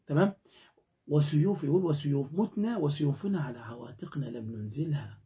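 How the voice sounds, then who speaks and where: A man's voice: on the high side, brisk, highs cut off. A man with an Egyptian accent preaching a colloquial religious sermon, often putting rhetorical questions to his listeners. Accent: Egyptian Arabic.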